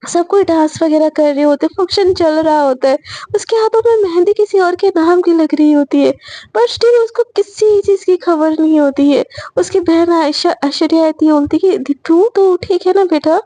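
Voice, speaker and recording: High-voiced woman telling a story. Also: normal speed, dark tone, no room sound. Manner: emotional, chatty and informal. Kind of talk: casual spoken storytelling.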